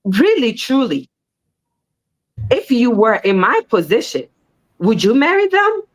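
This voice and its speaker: A woman on a discussion panel talks casually at a measured pace. She is animated and repetitive, and her voice lifts sharply whenever she stresses a point.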